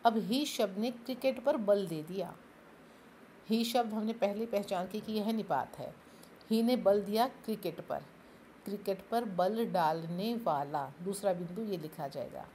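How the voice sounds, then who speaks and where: There's slight background noise as a woman with a medium-pitched, somewhat mellow voice teaches grammar classroom-style. She goes step by step, raising her own questions and then answering them.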